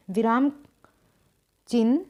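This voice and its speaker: A woman teaching a grammar lesson, explaining step by step with long pauses and clearing her throat now and then. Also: fairly high pitch. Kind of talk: slow board-writing lesson.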